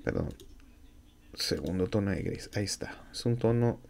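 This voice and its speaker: A man with a Mexican Spanish accent teaching a software tutorial as a university instructor, explaining each step aloud with fillers and self-corrections. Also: fairly low pitch, normal speed. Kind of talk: screen-recorded software tutorial.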